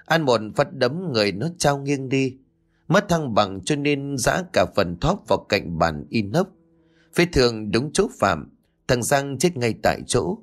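A man's voice: mid-range voice, lively intonation, unhurried. A man narrating a horror story in a dramatic, tense read. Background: faint music.

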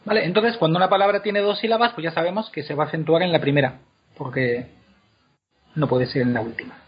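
A man explaining pronunciation in a casual, animated way, drawing words out slowly to demonstrate them. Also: a little high, husky. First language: Spanish. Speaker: guest explaining Elvish pronunciation. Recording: dull lo-fi podcast recording.

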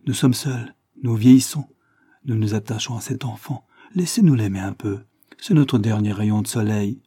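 A man's voice: on the low side, normal speed, mellow, husky, no room sound, studio quality. A man reading as a kindly, plaintive older woman. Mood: friendly. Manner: mild, slightly plaintive. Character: kindly older woman neighbor, gently gossipy.

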